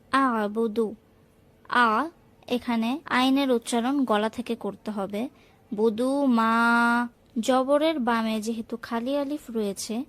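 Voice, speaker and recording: A woman whose first language is Bengali, teaching Quran recitation. She chants verses slowly and carefully, drawing out each sound, then explains the pronunciation rules in plain speech. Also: fairly high pitch.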